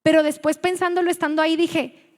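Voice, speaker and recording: High-voiced Mexican woman preaching. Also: level tone, fairly quick, a little mellow. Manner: conversational, storytelling, self-correcting. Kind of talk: sermon at a women's meeting. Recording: long hall reverb.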